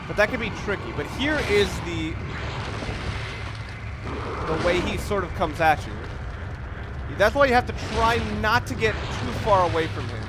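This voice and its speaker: With video game sounds behind him, a man gives rambling, casual let's play commentary, explaining and reflecting as he plays. His voice is high and the recording is very noisy.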